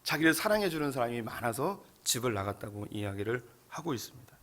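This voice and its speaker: A male pastor preaching a sermon, telling the story in a lively, candid way. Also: medium pitch, fast.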